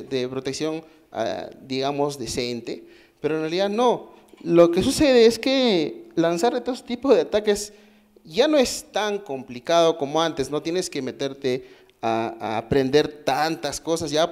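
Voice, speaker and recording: A man from Peru, with a Peruvian Spanish accent and a highish, darkish voice, is a conference speaker giving a technical talk in a conference hall. He explains step by step, asks questions of the audience and frequently begins his sentences again.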